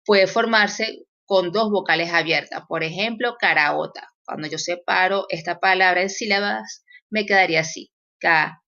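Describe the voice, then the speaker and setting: A woman's voice: on the low side, moderate pace, few pauses, bright, forceful tone, highs cut off. Woman explaining a grammar lesson. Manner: explanatory, with fillers and self-corrections. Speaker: teacher. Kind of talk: recorded Spanish grammar lesson.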